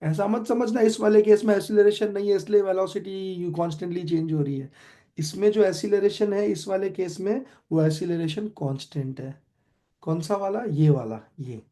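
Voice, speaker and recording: गहरी आवाज़ वाला भारतीय भौतिकी शिक्षक. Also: male voice, high voice, warm tone. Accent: Indian. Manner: quizzes students with quick questions, mixes Hindi and English. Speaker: physics tutor. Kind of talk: online classroom lecture.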